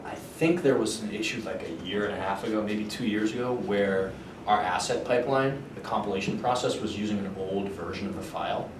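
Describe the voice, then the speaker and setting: Guy with a lowish voice doing an informal tech q&a, thinks out loud, far from the mic in a rumbly room. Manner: halting, thinking aloud. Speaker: engineer giving a technical talk and answering questions. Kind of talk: informal technical explanation with questions. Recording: roomy, far microphone, noticeable low rumble.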